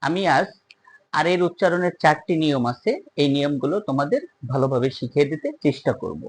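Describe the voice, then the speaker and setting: Patient online teacher, mid-pitched, drills each rule by repeating it to the viewers. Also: brisk, slightly rough, rough recording. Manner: repetitive, patient, addresses viewers directly. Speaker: English teacher. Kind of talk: explaining pronunciation rules to viewers.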